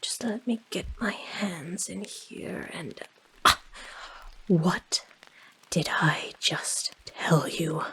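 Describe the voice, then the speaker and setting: Woman as a slow, breathy, whispering naga in whispered role-play. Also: lowish voice, heavily acted, low-quality recording. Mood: teasing, searching. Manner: slow, teasing, softly threatening naga. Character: female naga huntress, predatory, coaxing, menacing serpent creature.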